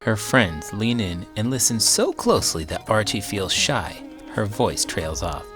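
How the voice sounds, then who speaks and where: An American man from Iowa, a teacher and storyteller who reads children's books aloud, narrates a storybook expressively and adds commentary. His low voice is a little slow, and his manner is animated and theatrical. Music plays behind him.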